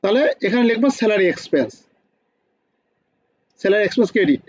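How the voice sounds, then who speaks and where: Fast-talking high-voiced male teacher. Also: lively intonation, slightly rough, no echo, muffled recording. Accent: Bangladeshi Bengali. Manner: quizzes students with repeated questions. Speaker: accounting teacher. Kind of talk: online class lecture.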